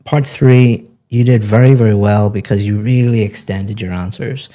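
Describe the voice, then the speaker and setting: Male English coach, low and mellow, patient and encouraging in feedback. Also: fairly even intonation, moderate pace. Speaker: English speaking-test coach. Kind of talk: spoken feedback to a student.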